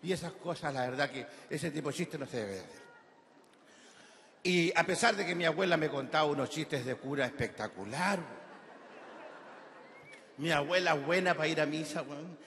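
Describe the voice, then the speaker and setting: A man's voice: a little high, normal speed, pauses often, a bit bright, slight background noise. Chilean man doing crude stand-up. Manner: crude, rambling joke-telling with slang. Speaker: stand-up comedian. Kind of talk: stand-up comedy set. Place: large festival amphitheater stage. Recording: reverberant live venue with crowd ambience.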